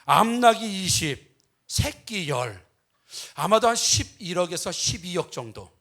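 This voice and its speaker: A man's voice: sits high, pushed and bright. A male pastor giving a humorous sermon, telling a Bible story with comic asides and acting out its dialogue. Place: church.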